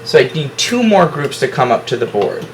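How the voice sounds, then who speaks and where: Lively encouraging male teacher. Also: medium pitch, normal speed, slight background noise, rough recording. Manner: encouraging, praises students often. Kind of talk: classroom phonics lesson. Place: classroom.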